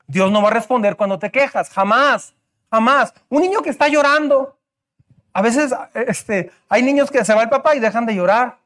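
A man's voice: extremely high pitch, normal speed, a bit bright. A man pastor preaching a sermon, emphatic, with rhetorical questions and repetition.

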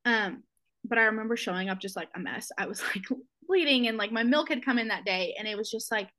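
A woman's voice: fairly high pitch, animated, bright, forceful tone. Emotional young woman telling her story. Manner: emotional, halting, many fillers and restarts. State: close to tears. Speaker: podcast guest. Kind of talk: personal storytelling.

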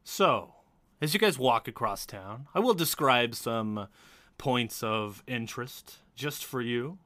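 Bright-voiced male game master. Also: medium pitch, lively intonation, takes it slowly, no echo. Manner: descriptive, casual fillers. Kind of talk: narrating a tabletop game.

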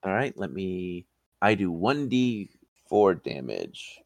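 A man narrating a tabletop game as game master, in a relaxed, measured way. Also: low-pitched, vocal fry, no echo.

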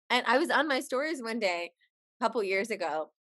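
A woman's voice: a little high, lively intonation, moderate pace, a bit bright. Chatty New woman hosting. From New Jersey. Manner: chatty, laughs easily. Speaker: podcast host. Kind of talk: casual podcast interview.

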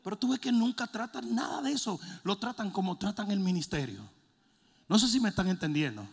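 A man preaching a sermon, joking and shouting in turns. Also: high voice, brisk, creaky, husky. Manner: animated, jokey, swings between shouting and mimicking. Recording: long hall reverb.

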